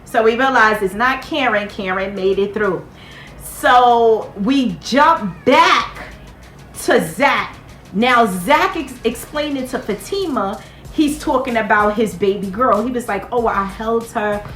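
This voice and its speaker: Chatty high-voiced woman recapping TV. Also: takes it slowly, echoey room, faint music behind. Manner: chatty, animated, talks straight to viewers. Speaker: TV show recap host. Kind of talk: casual TV recap commentary.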